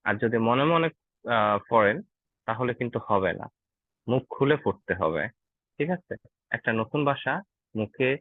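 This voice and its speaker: A man's voice: lowish voice, no room sound. Man teaching German numbers over a tinny call. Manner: patient, asks learners "ঠিক আছে?" often. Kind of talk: online language class. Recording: tinny, dry online call audio.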